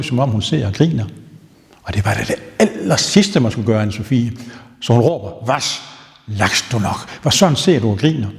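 A male castle tour guide telling ghost stories to visitors as a lively storyteller who builds suspense. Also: medium pitch, vocal fry. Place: castle rooms and wine cellar, indoors. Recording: long reverb in a stone castle room.

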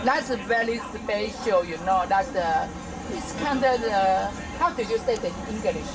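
A woman's voice: mid-range voice, animated, measured pace, distant mic, poor audio. A Taiwanese woman hosting a street interview, effusive and switching between Mandarin and English midsentence. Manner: effusive, frequent exclamations. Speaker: host. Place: outdoor market, handheld microphone. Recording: busy outdoor crowd, off-mic, traffic.

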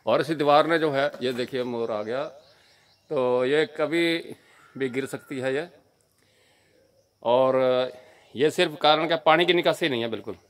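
A man's voice: medium pitch, measured pace, long pauses. A man with a Punjabi accent giving a walking report outdoors at a village house, earnestly pointing things out and repeating himself, recorded on the camera mic. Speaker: social video reporter.

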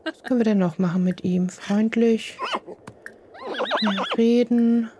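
A woman's voice: a little high, fairly even intonation, slow, noisy background. A woman hosting a casual gaming let's play, chatting along as she plays and cooing fondly at the animals. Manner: coos fondly at her game animals.

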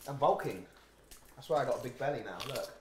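A man streaming a casual group chat, joking around and breaking into loud laughs. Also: mid-range voice, animated, fast talker, echoey room, slight background noise.

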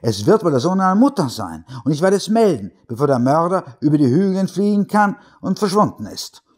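A man's voice: fairly high pitch, big pitch swings, a little fast, a little mellow, slightly rough, pitched above the performer's own voice. A man voicing a stubborn, irritable husband who speaks harshly and insistently to his wife.

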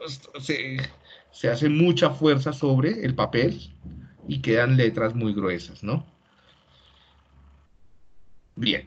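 Male lecturer, middle pitch, patient explainer, lo-fi call audio. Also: slight background noise. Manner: explanatory, tags many lines with "¿sí?". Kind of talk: online class lecture. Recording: dull lo-fi video call audio.

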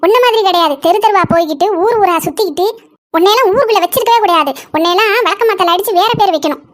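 A woman voicing a fierce, protective village mother-in-law who scolds fast in a cartoon. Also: very high voice. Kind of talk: cartoon voice acting.

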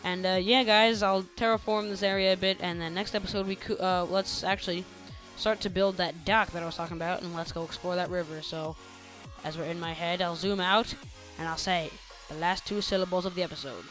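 A man's voice: high voice, fairly even intonation, a little fast, a bit bright, faint music behind. A teenage boy giving casual, goofy gameplay commentary and chatting to his viewers as he plays. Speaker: gaming channel host.

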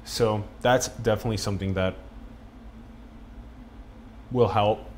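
Young male interviewer, lower voice, casual and relaxed, faint hiss behind. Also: a little slow. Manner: relaxed, loose follow-up questions. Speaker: podcast host, interviewer. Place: living room, on a sofa.

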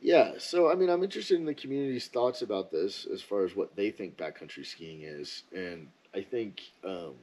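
A man talks in a loose, rambling way and freely shares his opinions in a casual vlog. His voice sits on the low side, with a husky, slightly breathy grain. He sounds like someone chatting straight to his viewers. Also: expressive, normal speed, few pauses, darkish tone, poor audio. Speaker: ski vlogger. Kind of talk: casual monologue.

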